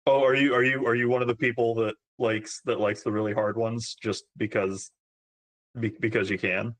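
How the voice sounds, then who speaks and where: A man's voice: mid-range voice, level tone, normal speed. A man co-hosting a casual video call chat, asking curious, hesitant questions. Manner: curious, hesitant with repeated starts.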